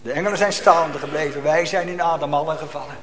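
A man preaching a sermon in a church, swinging from loud exclamations to hushed, almost whispered lines. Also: fairly high pitch, quick pace, big-room sound. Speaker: pastor.

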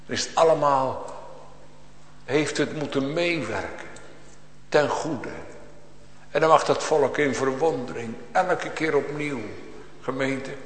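A man preaching a sermon to his congregation, his voice swelling from hushed to loud in dramatic swings. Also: slow, long pauses. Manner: preaching with big swings of pitch and loudness. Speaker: pastor. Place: church. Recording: echoey church hall with long reverb.

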